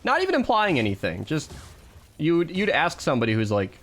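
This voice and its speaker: A man live-streams a game and chats casually with his viewers, rambling, laughing often, and poking fun at himself. His voice sits on the high side with huge pitch swings, a fairly quick pace, and a slightly bright quality.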